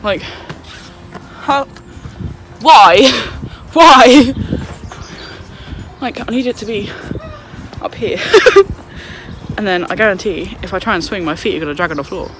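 A woman's voice: medium pitch, moderate pace. A young woman, out of breath, chatting and swearing casually to her phone in a park as a vlogger. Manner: chatty, swearing, frequent laughs. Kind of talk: casual vlog chat. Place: outdoors in a town park. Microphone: handheld phone.

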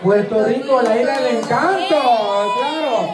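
A Salvadoran man hosts a family quiz show with a high, bright voice and a joking, teasing manner. He sounds far from the microphone in an echoey hall, and a loud audience crowd is heard behind him. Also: unhurried. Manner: joking, teasing, laughs often. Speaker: game show host. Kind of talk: lively quiz show hosting.

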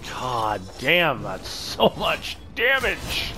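Man, let's-play commentator, slow delivery, lively swings in pitch, reacts out loud. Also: music in the background. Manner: reactive, talks to himself and the enemies. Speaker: gameplay commentator.

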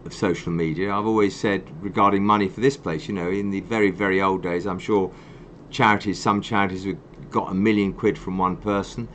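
A ranting man with a low voice. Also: fairly even intonation, fairly quick, few pauses, a bit bright, a little hiss or hum. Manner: passionate, ranting, self-mocking. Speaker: wildlife charity host. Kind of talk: live-stream chat.

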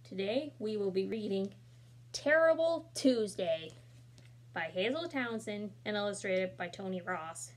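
A young woman with a medium-pitched voice reads a children's picture book in a small room, unhurried, expressive, and dropping in casual asides. A laptop camera captures the reading.

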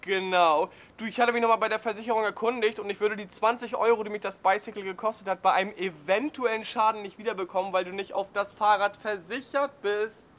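A man's voice: sits high, steady tone, brisk, few pauses, fairly bright tone. A man voicing a fussy, pedantic man on the phone who keeps saying "genau" in an overly polite, prim way.

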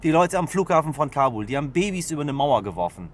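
A man's voice: on the high side, sing-song, quick pace, a little hiss or hum. A man in his forties, a host driving a car and talking earnestly with his guest in a casual interview. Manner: earnest, talks while driving. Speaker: host and driver. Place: driver's seat of a car, city street.

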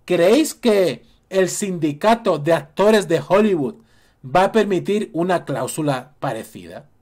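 A man's voice: high-pitched, animated, a little slow, darkish tone. A man, ranting as a YouTube commentator, indignant and repeating his points. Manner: indignant, repeats points and mocks others in quotes. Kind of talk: opinion rant to camera.

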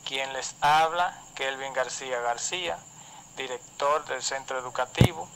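A man's voice: medium pitch, measured pace, creaky, a bit bright, a little hiss or hum, rough recording. A male school director with a Dominican accent, heard in a phone voice message played on air, making a stiff official announcement. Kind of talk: formal announcement.

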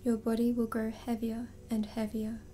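A woman hypnotist leading a slow, soothing induction, drifting in and out of a whisper. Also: fairly high pitch, monotone, mellow, a little hiss or hum.

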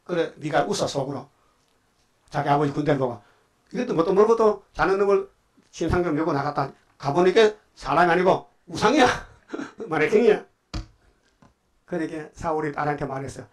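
A male pastor giving a Sunday afternoon sermon, telling Bible stories in casual speech and prodding the congregation with quick questions. He swings between loud outbursts and quiet asides. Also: on the high side, lively intonation. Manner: colloquial storytelling preaching, prodding the congregation with "예?".

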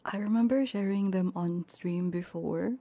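A woman with a lowish voice talks at normal speed with no echo, hosting a casual livestream as an ASMR streamer and Vtuber. Tearful, crying as she laughs, she comes across flustered, apologetic and self-deprecating, drifting into soft whispers close to a binaural ASMR microphone.

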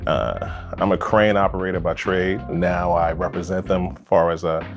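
A man tells his story as an interview guest. He speaks slowly and easily, with lots of fillers. His voice sits very low, and soft music plays faintly underneath. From Brooklyn, New York. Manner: relaxed, unhurried, frequent fillers. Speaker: interview guest, watch collector.

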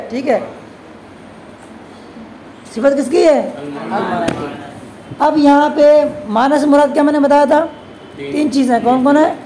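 A woman teaching a classroom grammar lesson, constantly posing quick questions to her students and answering them herself. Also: sits high, warm tone, low-quality recording. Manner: addresses students as "beta". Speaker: religious teacher.

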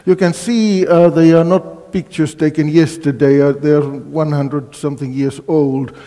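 A man's voice: fairly high pitch, steady tone, measured pace, warm tone. An older man from Finland giving a university physics colloquium, quizzing the audience with many fillers. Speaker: physics lecturer. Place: lecture hall. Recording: long hall reverb.

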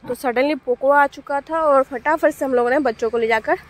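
A woman in her thirties hosts a casual family vlog from her home. Her voice sits a bit higher than most. She chats fondly and repeats words in an affectionate way. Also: fairly quick, heavy background noise. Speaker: vlog host and mother.

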